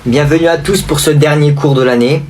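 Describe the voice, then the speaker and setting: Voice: mid-range voice, fairly even intonation, brisk, distant mic, background noise, natural voice. A performer voicing a hesitant, bewildered old male schoolteacher in a comedy sketch. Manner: hesitant, full of ums.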